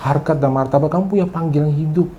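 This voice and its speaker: Mellow-voiced man preaching casually. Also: fairly high pitch, fast, lo-fi sound, slight background noise. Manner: chatty, teasing, drops English phrases in, keeps addressing the congregation. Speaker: pastor. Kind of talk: casual conversational sermon.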